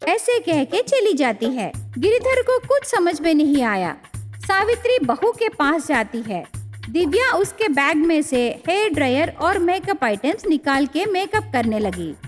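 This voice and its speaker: High-voiced woman narrating a storybook. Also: big pitch swings, soft background music. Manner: plain, measured storytelling.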